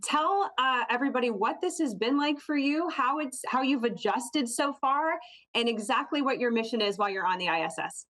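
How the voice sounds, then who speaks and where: A woman's voice: high-pitched, normal speed, fairly bright tone. An American woman conducting a conversational broadcast interview as a local TV journalist.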